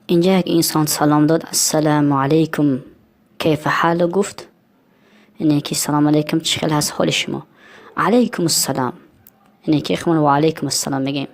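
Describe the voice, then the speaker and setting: A woman with a Tajik accent hosting a language lesson, saying words slowly and then explaining what they mean. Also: deep voice. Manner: repeats words slowly, then glosses them. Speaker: lesson host and translator.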